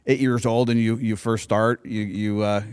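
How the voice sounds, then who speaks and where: A man's voice: lowish voice, steady tone, moderate pace, darkish tone, clear, resonant tone, no echo, clean studio sound. A man hosting a boxing interview show, asking rambling questions full of fillers and "right?" tags. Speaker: podcast host. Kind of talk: casual interview chat.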